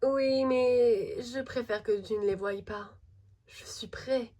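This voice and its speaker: Woman doing a deadpan gothic teen girl. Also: a little high, takes it slowly. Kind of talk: amateur fan voice drama.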